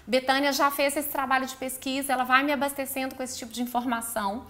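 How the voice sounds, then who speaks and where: Talking fast with little pitch movement, an architect with a high, bright voice and Brazilian Portuguese accent presents her interior design project informally. Her chatty explanation is full of affectionate diminutives.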